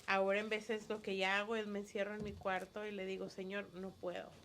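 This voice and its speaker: A woman's voice: mid-range voice, flat delivery, quick pace, noisy background. A woman and schoolteacher leading a Bible study, sharing a personal story in an earnest, emotional way. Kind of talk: casual testimony in a Bible study.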